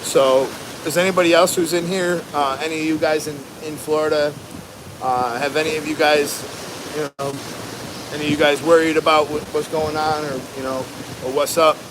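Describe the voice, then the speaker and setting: A laid-back American man chats casually to a livestream from outdoors. His voice sits a little on the high side, and he rambles in easy slang. Strong wind and rushing ambient noise run behind his words. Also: fairly even intonation. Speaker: livestream host, barber. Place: outdoors at home during a windy storm. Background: wind and rushing water ambience.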